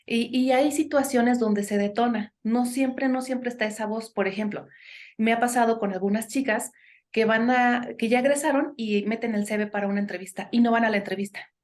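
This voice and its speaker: A woman's voice: on the high side, steady tone, a little fast, darkish tone. A woman, a guest in a conversational podcast interview, giving earnest advice and often tagging her sentences with questions and "este" fillers. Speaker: guest speaker on impostor syndrome.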